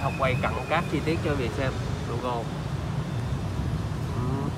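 A man with a southern Vietnamese accent giving an improvised used car salesman's walkaround pitch, repeatedly reassuring the viewers he addresses. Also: unhurried. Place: outdoor car lot and inside a car. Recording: clear outdoor car lot ambient noise.

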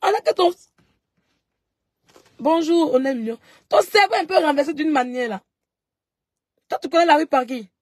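A woman's voice: sits high, lively intonation, moderate pace, pauses often, no room sound, clean studio sound. A woman vlogger answering followers in a live stream, confrontational and mocking, repeating herself as she talks straight into her phone.

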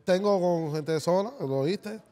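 A man's voice: high voice, a little slow. A man, a musician guest on a casual podcast, telling a story and acting out the voices of the people in it. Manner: animated storyteller, acts out voices.

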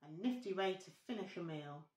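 A woman's voice: lowish voice, lively intonation, fairly quick, a little mellow, echoey room. A woman co-hosting a casual vlog, chatting and reading recipes out aloud. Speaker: vlog co-host. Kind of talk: casual chat.

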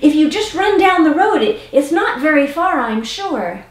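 A woman's voice: high-pitched, very animated, normal speed, distant mic, pitched above the performer's own voice. A woman playing a flustered, pleading mother. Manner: hesitant, stumbling and pleading. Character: apologetic village mother pleading with a fox. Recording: roomy with faint autoharp.

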